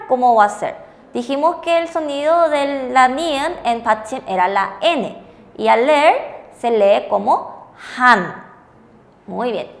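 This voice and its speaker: A high-voiced woman, a Korean language teacher, leads a bilingual classroom lesson on TV. She is patient and keeps checking understanding with frequent rhetorical questions, and the audio carries a long reverb tail.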